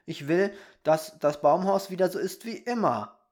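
A storybook reader voicing a small, wide-eyed boy who asks and wishes for things in an excited, eager way. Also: medium pitch, normal speed, pitched above the performer's own voice, natural voice.

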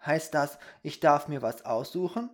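A storybook reader voicing a small, wide-eyed boy who asks and wishes for things in an excited, eager way. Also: medium pitch, a little slow, close to an everyday voice.

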